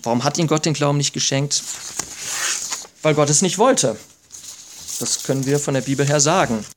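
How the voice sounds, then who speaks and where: A man preaching a sermon, asking rhetorical questions and reading scripture aloud slowly with emphasis. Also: a little high, background noise.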